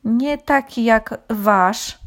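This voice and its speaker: A woman voicing an excitable young male dog in a children's story, eager and a bit timid. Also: a little high, very slow, pitched above the performer's own voice.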